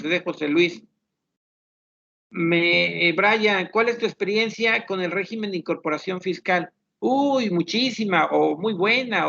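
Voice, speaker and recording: A man teaches an online class, working through student questions one by one. His voice sits high and carries a gravelly edge. He thinks aloud in a measured, explanatory way, and the audio sounds dull and lo-fi. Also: a bit bright.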